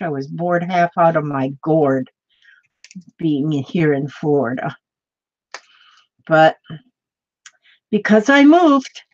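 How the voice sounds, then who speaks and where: Her voice sits lowish, with a little hiss or hum in the background: a late-sixties Minnesota woman hosting a crafting video. She talks casually to viewers as she crafts, rambling with fillers and restarts, on a dull, slightly lo-fi recording.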